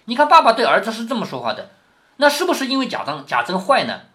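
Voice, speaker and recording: A man reads a classic novel to his daughter and stops often to explain it. His bright, clear voice swings widely in pitch. He keeps asking small rhetorical questions to check she is following. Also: wildly swooping pitch, fast talker. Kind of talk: storytelling with explanation.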